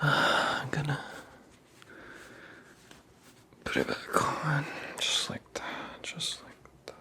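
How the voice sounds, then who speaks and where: A man playing a teasing, vain Santa Claus in an ASMR roleplay, murmuring slowly in a breathy whisper. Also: a little high, little pitch movement, sharp tone, full character voice. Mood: smug teasing.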